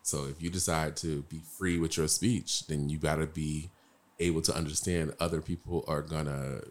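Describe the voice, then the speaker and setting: A man co-hosting a casual chat, joking and musing in a relaxed, drawn-out way. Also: very deep voice. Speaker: podcast co-host.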